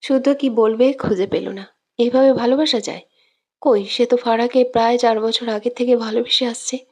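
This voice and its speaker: A woman narrating a romantic audio story in a steady, dramatic storytelling manner. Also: a little high, moderate pace.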